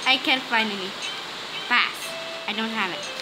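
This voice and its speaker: A woman giving casual commentary while playing a card game, excitable and bursting into squeals and complaints. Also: fairly high pitch, unhurried, low-quality recording. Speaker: gaming video host. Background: game music.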